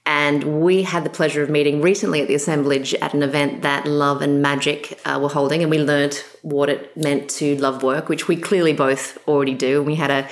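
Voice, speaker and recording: Low-voiced Australian woman hosting. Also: flat delivery. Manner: enthusiastic, quick talking. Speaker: host. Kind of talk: interview conversation.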